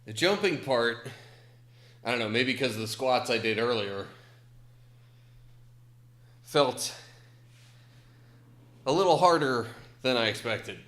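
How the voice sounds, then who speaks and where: A man's voice: mid-range voice, expressive, slow, pauses often, a bit bright. A man streaming a video game, chatting casually and thinking aloud in a hesitant, rambling way. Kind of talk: casual live-stream chat.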